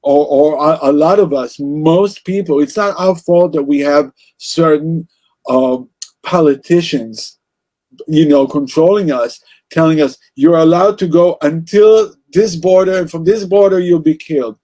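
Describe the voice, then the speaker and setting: Israeli guy talking music, kinda high voice, passionate, keeps restarting sentences. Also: a little slow, mellow. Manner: passionate, rambling, many restarts. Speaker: interview guest, music producer. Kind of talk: casual interview conversation.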